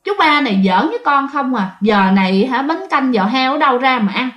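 A woman's voice: high voice, animated, brisk, lo-fi sound. Woman voicing a brash young guy, dismissive retorts, echoey room. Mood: brushing off. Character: young working man, boastful then scared.

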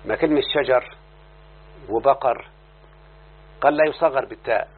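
A man's voice: medium pitch, moderate pace, breathy edge. A man with an Egyptian Arabic accent teaching a class, constantly quizzing his listeners and prompting them to answer. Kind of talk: classroom lesson. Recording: tinny lo-fi recording with faint hum.

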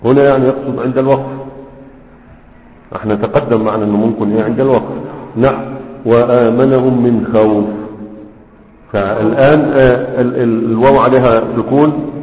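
Sheikh teaching a class, reads then explains, keeps asking if everyone gets it, sounds like a phone line. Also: male voice, medium pitch. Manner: explains patiently and keeps checking that students follow. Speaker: sheikh teaching Arabic morphology. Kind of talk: classroom lesson, reading a text and explaining it. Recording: tinny, phone-like sound in a long echoing hall.

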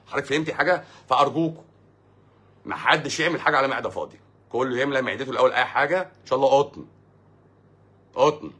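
An Egyptian-accented man hosts a casual livestream, reading out viewer questions and answering them with rambling sarcasm. His delivery is rapid and his voice is husky. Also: mid-range voice, fairly bright tone. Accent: Egyptian Arabic. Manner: sarcastic, mocking, fast and rambling.

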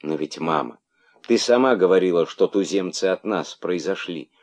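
A man's voice: sits low, animated, normal speed. A man voicing a young female monkey, an eager daughter who pleads with her mother. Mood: pleading.

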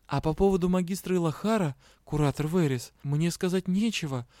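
A man's voice: fairly high pitch, brisk, dark tone, no room sound, clean studio sound, close to an everyday voice. A man reading an audiobook, voicing a bold young female magic student. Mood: firm.

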